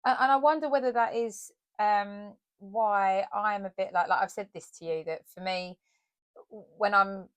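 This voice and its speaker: A woman who acts and works as a counsellor, co-hosting a casual chat in a thoughtful, measured way. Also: medium pitch, no room sound. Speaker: podcast co-host, actor and counsellor.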